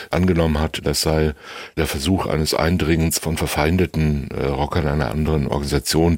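A man's voice: very deep voice, no room sound. An older man, a retired judge, explaining a legal case in long, carefully qualified sentences in a podcast conversation. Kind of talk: measured legal analysis in conversation.

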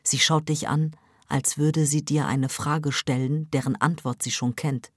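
A woman narrating an audiobook in a calm, measured second-person style. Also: sits low, no room sound, clean studio sound.

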